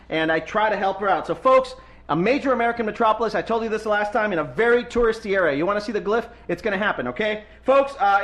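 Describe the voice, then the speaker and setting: Brash, fast-talking high male podcast host. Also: a bit bright. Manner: brash, sarcastic, talks over callers. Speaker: radio show host. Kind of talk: live call-in podcast banter.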